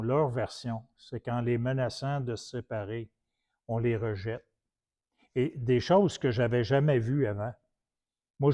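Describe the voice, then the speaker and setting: A man's voice: medium pitch, mellow. Québécois man telling stories in a talk. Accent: Québécois French. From Quebec. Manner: colloquial storytelling with many restarts. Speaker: preacher. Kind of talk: anecdotal teaching talk.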